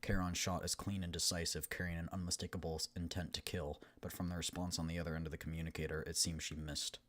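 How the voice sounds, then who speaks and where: A man's voice: low voice, flat delivery, quick pace, fairly bright tone. A man reading video game narration aloud as a streamer. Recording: background noise.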